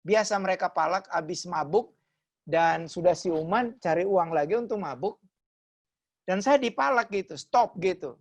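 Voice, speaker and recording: A pastor giving a testimony sermon over a video call, telling the story with lively acted quotes that swing between loud and soft. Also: male voice, high-pitched, normal speed.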